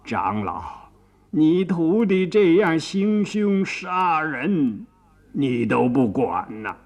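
A man's voice: a little high, big pitch swings, drawn-out words, full character voice. A man voicing a cunning bone demon disguised as an old man, who wails, pleads and gloats. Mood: accusing. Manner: whining, pleading, then gloating.

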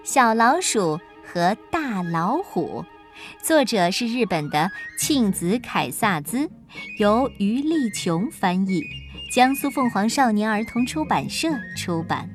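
A woman opens a children's story reading with an inviting announcer manner. Her pitch moves a lot, bright and lively. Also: takes it slowly, faint music behind. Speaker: story introducer.

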